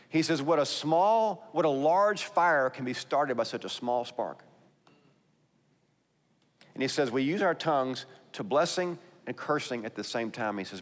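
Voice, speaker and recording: A man with a Texas accent preaching a sermon, conversational and emphatic, reading scripture aloud between his own remarks. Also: a little high. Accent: Texan. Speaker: pastor. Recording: long reverb in a large hall.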